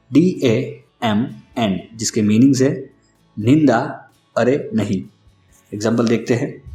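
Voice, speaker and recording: A man giving a scripted vocabulary lesson, spelling out each word slowly and carefully, letter by letter. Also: medium pitch, mellow. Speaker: English vocabulary teacher. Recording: echoey room with faint music underneath.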